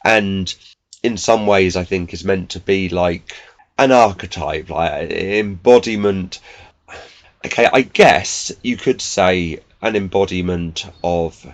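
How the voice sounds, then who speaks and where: Male podcast guest, lowish voice, musing and halting delivery. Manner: thoughtful, hesitant, many restarts and fillers. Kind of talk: casual podcast chat.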